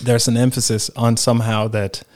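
A man hosts a casual interview in a middling voice. He is friendly and chatty, often dropping in quick "yes" replies while his guest talks. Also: medium pitch, little pitch movement, darkish tone. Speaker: podcast host.

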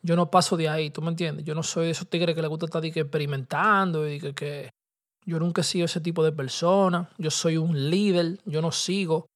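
A man's voice: a little high, steady tone, a little fast. A young man with a Dominican Spanish accent tells a personal story in loose street slang, casual and conversational, dropping English words. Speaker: podcast host telling a personal story.

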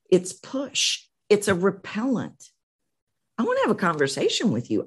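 Lively, emphatic middle-aged woman coach. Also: deep voice. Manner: energetic, emphatic, repeats phrases. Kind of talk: interview guest.

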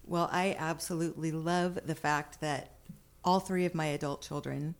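A woman's voice: sits low, fairly even intonation, normal speed. A middle-aged mother with grown children speaking enthusiastically in a casual chat. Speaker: parent guest on a panel.

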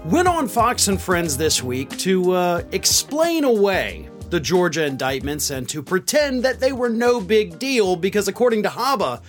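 A man's voice: high-pitched, very animated, a little slow, hardly any pauses, soft background music. A man delivering political news commentary in an incredulous, sarcastic, exasperated way. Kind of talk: scripted-sounding news commentary.

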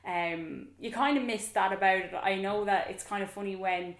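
A woman's voice: medium pitch, normal speed. A young woman with a Kerry accent from the southwest of Ireland, chatting casually and earnestly in an interview. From County Kerry, Ireland. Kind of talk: casual chat. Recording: roomy echo with music behind.

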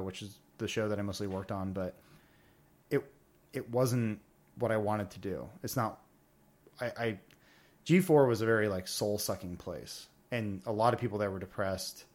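A man as a podcast guest, telling stories in an informal, rambling conversational way. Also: fairly low pitch. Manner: informal, rambling, quoting himself and others. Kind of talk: casual conversational storytelling.

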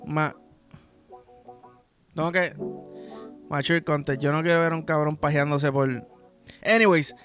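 Bright, high-voiced Puerto Rican man. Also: little pitch movement, measured pace, long pauses, soft background music. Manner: vulgar, rambling and playful, full of slang. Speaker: podcast host. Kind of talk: crude comedic podcast monologue.

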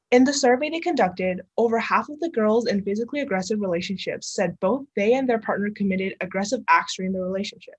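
A woman's voice: mid-range voice, a little mellow, slightly rough, low-quality recording. A young woman presenting prepared information on a youth podcast, reading in an informational style.

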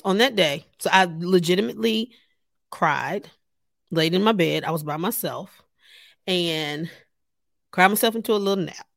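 A woman's voice: fairly low pitch, creaky, a bit bright, no echo, studio quality. A woman hosting her own podcast, talking casually and animatedly straight to her listeners, laughing often. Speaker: podcast host. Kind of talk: casual solo podcast talk.

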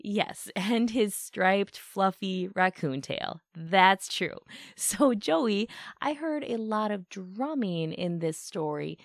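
A woman host narrating a rhyming children's story in a gentle, rhythmic way, voicing its splashes and scoots with play. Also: medium pitch, lively intonation, slow pace, dry recording, clean studio sound. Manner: gentle, rhythmic reading with playful sound words. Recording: soft music behind the voice.

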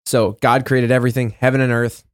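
A man at a middle pitch, co-hosting a relaxed Bible study chat. He reads verses aloud and then talks them through plainly, with the odd "uh" and quick self-correction. The sound is close and dry, with no room around it. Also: no room sound. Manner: conversational, reads scripture passages aloud with fillers and self-corrections. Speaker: co-host of a Bible discussion. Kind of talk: casual Bible study discussion.

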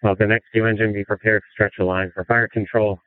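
A man's voice: on the low side, level tone, fast talker. A man acting as fire incident commander, giving businesslike orders over the radio. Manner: businesslike, directive. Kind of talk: fireground radio dispatching. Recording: narrow, phone-like radio audio.

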